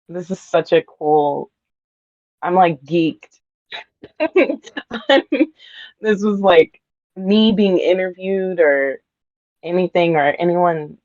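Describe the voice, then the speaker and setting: A woman's voice: low-pitched, a little mellow, no room sound, dull audio. A woman voice actress being interviewed, chatting casually, sounding nervous and giggly with lots of fillers. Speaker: voice actress guest.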